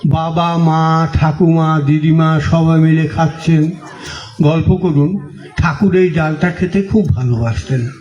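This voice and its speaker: Unhurried Bengali monk preaching. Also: male voice, fairly high pitch, steady tone. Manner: asks the audience questions and answers them; unhurried storytelling with gentle humor. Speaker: monk giving a religious talk. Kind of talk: sermon. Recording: echoey, dull lo-fi recording.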